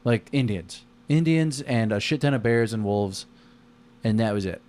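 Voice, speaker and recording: American guy w a lowish voice just rambling, slangy, swears a lot. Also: expressive, moderate pace, darkish tone. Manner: profane, slangy. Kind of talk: casual rambling chat.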